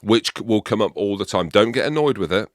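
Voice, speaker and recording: Man, English accent, podcast host, very deep voice, animated chat, dry sound. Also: a little fast, no echo. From England. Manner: animated, chatty, leads the questions.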